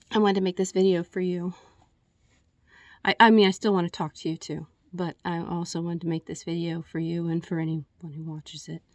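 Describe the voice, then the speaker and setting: A woman's voice: lowish voice, darkish tone, no room sound, highs cut off. A woman recording a personal video message, a little out of breath, talking candidly and rambling with restarts and fillers. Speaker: vlogger.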